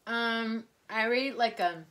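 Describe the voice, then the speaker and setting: A woman's voice: on the high side, slow pace, crowd noise. A young woman chatting casually as she eats sour candy and rates it. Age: young adult. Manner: eating sour candy while talking. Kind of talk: casual chat, candy taste test. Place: small room, indoors. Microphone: camera a short distance away.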